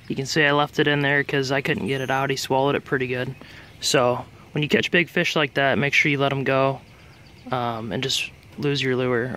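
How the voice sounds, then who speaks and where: With a medium-pitched, pushed and bright voice, a young man hosts an enthusiastic, casual fishing vlog straight to his action camera's viewers. The setting shifts from an indoor den to a farm pond outdoors, and slight background noise is present.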